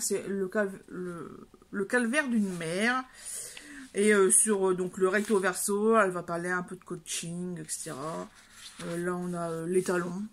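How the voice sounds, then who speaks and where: A woman book vlogger in casual chat at home, rambling with lots of fillers and restarts. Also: medium pitch. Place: at home, by her bed.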